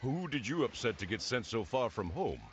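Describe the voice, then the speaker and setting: A man's voice: mid-range voice, sing-song, normal speed, a bit bright, muffled recording, slight background noise. An actor playing a battle-hardened male warrior in a video game, hearty and blunt.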